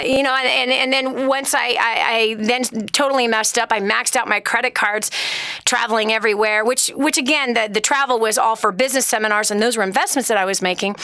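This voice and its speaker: On a radio talk show, a woman delivers a motivational monologue, earnestly putting rhetorical questions to listeners. Her voice sits on the high side and sounds pushed and bright. She keeps restarting and repeating words, and the studio-quality recording is dry.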